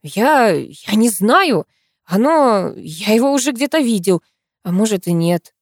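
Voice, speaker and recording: A woman's voice: medium pitch, sing-song, no room sound, clean studio sound, voice pushed up. Alex: a woman voicing a dazed young man. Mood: confused, defiant. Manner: halting, confused, hesitant. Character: bewildered young man in a hospital bed. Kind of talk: audiobook reading.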